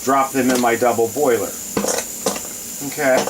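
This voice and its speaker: Casual male home cook, mid-pitched, rambling recipe demo, constant hiss in the recording. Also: unhurried. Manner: rambling, often breaks off to handle things. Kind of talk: casual cooking vlog chat. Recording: loud steady hiss behind voice. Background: loud hissing.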